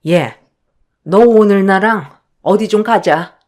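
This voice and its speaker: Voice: medium pitch, takes it slowly, a little mellow, close to an everyday voice. A performer voicing an entitled middle-aged mother-in-law who lectures her daughter-in-law in a haughty, scolding way. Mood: commanding.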